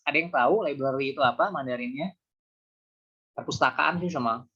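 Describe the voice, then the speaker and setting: Guy teaching a beginner class over zoom, patient, repeats stuff slow, kinda muffled audio. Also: mid-range voice, pushed and bright, slightly rough. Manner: patient, explains slowly with repeated examples. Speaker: Mandarin teacher. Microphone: video call. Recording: muffled video call audio.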